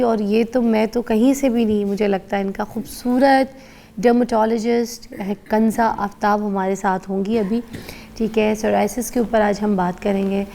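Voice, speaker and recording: A woman's voice: mid-range voice, warm tone. A middle-aged woman with a Pakistani accent hosting a morning TV show, chatty, teasing and opinionated. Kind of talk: casual TV chat. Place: TV studio.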